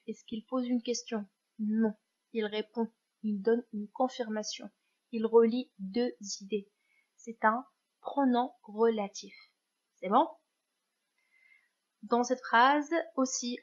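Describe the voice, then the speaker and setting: A woman's voice: a little high, dull audio. A woman teacher giving a grammar lesson, patient and careful, often checking that her students follow. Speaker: French teacher.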